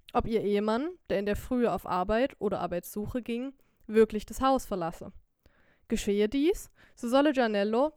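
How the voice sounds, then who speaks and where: A woman reading a classic story aloud as an audiobook narrator, with measured, classic storytelling. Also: on the high side, darkish tone, smooth, no room sound, studio quality. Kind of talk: scripted narration.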